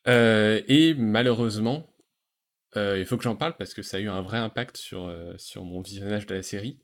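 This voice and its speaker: A man hosting a relaxed podcast conversation, talking enthusiastically about animated series with frequent fillers and restarts. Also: fairly low pitch, normal speed. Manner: enthusiastic, hesitant with many fillers. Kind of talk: casual chat.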